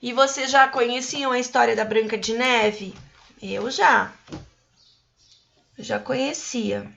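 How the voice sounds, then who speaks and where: Brazilian woman, primary teacher, unhurried storybook reading with a gravelly edge. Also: on the high side, a bit bright, dull audio. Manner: slow, patient, explaining to children. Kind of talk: reading a storybook aloud to young pupils and explaining.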